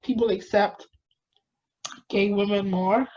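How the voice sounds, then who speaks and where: A woman's voice: medium pitch, steady tone, slow, warm tone. Rambling, casual woman on a dull recording. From Caribbean, lived in Jamaica. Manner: rambling, peppered with "like". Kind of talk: casual chat. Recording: dull lo-fi sound, noisy background.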